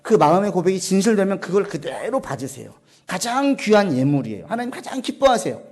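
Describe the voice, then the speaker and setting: Male pastor, sermon delivery, high-pitched, asks and answers his own questions, softens and lowers his voice to stress key lines. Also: very animated, a little fast. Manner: asks the congregation questions and answers them himself; drops to a soft, low voice to stress key points. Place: church sanctuary.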